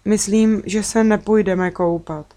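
A woman's voice: mid-range voice, steady tone, mellow, lightly acted. A woman voicing a serious, worried young girl in a children's storybook reading.

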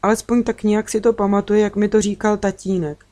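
A woman's voice: mid-range voice, level tone, mellow. Woman reading a children's story. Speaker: audiobook reader. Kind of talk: first-person storybook narration.

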